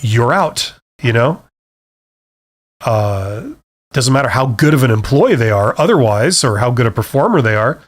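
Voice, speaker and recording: A man's voice: medium pitch, lively intonation, normal speed, pauses often. A middle-aged man hosting a live Q&A stream in a casual, joking way, reading out viewer questions and acting out what a boss might say. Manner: conversational and joking, reads questions aloud and acts out quoted speech. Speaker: host answering viewer questions.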